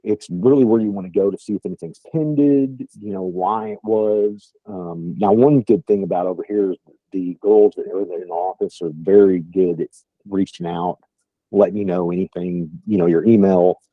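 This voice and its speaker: A man's voice: sits low, fairly even intonation, moderate pace, dry recording. A middle-aged man with a thick West Texas accent, giving an informal, folksy training talk on a call. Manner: folksy, plain-spoken. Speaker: sales trainer. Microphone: phone or online call. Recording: dull lo-fi call audio.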